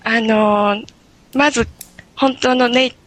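A woman guest in a conversational interview, explaining things in a relaxed way. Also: on the high side, takes it slowly.

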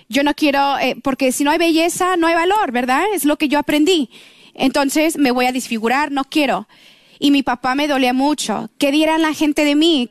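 A woman's voice: sits high, no echo, studio quality. A middle-aged woman, telling her personal testimony on a radio program in an earnest, emotional storytelling manner. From Mexico. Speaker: guest giving testimony.

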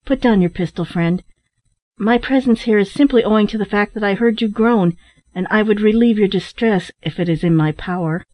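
A woman reading a gentle, soothing young man. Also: medium pitch, normal speed, dry recording, natural voice. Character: kind, earnest young man comforting a stranger. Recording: dull, muffled recording.

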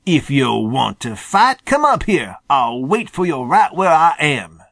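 A proud old male possum, as a man puts him on, drawls in folksy speech and sputters when riled. His voice sits higher and jumps about in pitch. The sound is close and dry. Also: sing-song, measured pace, fairly bright tone, no room sound. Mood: defiant.

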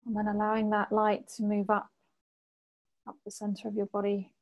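Soothing, mellow woman guiding meditation. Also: medium pitch, monotone. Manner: gentle, unhurried phrasing with long pauses. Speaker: guided meditation teacher. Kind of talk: guided meditation, soothing like a sleep story narrator.

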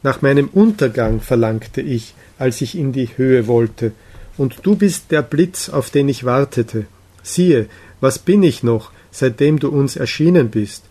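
A man's voice: medium pitch, animated, a little slow, warm tone. A man reading as a weary, despairing youth.

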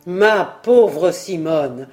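A woman lowering her voice for a weary man, the journalist. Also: animated, drawn-out words, a little mellow, faint music behind. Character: weary male journalist, cool and detached.

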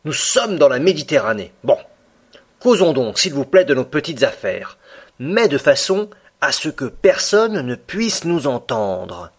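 A man voicing a blunt, impatient Canadian harpooner in an audiobook reading, pressing his point forcefully. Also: a little high, big pitch swings, unhurried, husky, heavily acted. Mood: insistent.

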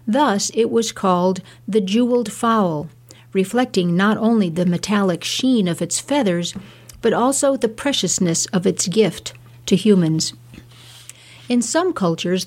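A woman's voice: mid-range voice, darkish tone. Woman narrating a scripted nature essay, documentary manner. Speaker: presenter of a spoken reflection series.

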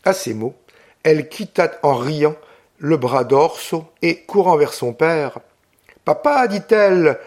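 A man narrating a classic novel in a measured audiobook reading. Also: on the high side, darkish tone.

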